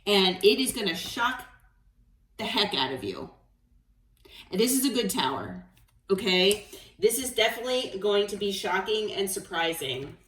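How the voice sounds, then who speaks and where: A woman giving a tarot reading to her viewers, speaking in a gentle, reassuring way and checking in often. Her voice sits in a middle register. It sounds roomy, with the mic set some distance away. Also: medium pitch, expressive, moderate pace, long pauses. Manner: gentle, encouraging, frequent "okay?" check-ins. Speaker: tarot reader.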